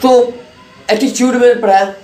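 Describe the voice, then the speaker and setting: A man's voice: very high voice, steady tone, unhurried, dark tone. A man, an English teacher giving a chatty classroom lecture full of anecdotes and pronunciation drills. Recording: echoey room with faint noise.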